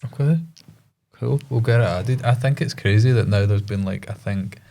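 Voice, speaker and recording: A man hosting a relaxed podcast chat. His voice sits low and mellow, and he puts his questions in an easygoing way. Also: moderate pace, gravelly. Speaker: podcast host. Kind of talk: casual chat.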